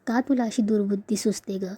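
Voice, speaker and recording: A woman's voice: mid-range voice, steady tone, a little fast, mellow, breathy edge, no echo, lightly acted. A woman voicing an anxious middle-aged mother scolding her daughter.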